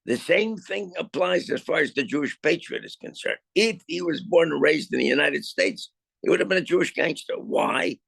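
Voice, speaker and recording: An older man telling his own story in a video-call interview, halting with many restarts and repeated words, then landing his points emphatically. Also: fairly high pitch, expressive, gravelly, a bit bright, slightly rough, dry recording. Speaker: film subject interviewed about his life.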